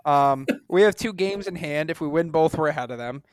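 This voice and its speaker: A man's voice: a little high, fairly quick, smooth, no room sound, studio quality. A man co-hosting a sports podcast with casual banter and a wry, dismissive fan's manner.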